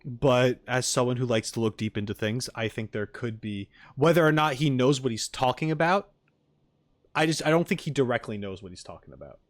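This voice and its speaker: Speaking a little fast with lively intonation and a medium pitch, this male streamer is recorded dry. He reacts to game content live, rambling and joking with his viewers and circling back to the same points.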